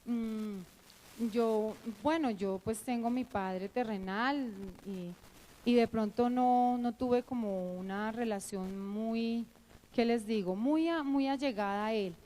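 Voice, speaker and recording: A middle-aged woman preaching at church, telling her own testimony in an emotional, animated way with many fillers. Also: fairly high pitch, slow, slight background noise, poor audio. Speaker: church teacher. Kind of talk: sermon with personal testimony.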